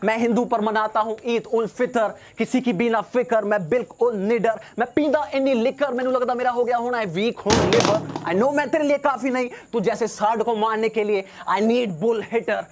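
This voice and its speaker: A man's voice: very high voice, steady tone, normal speed, few pauses, slight background noise. A young man performing battle rap, cocky and taunting, dropping English phrases into his rhymes. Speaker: battle rapper.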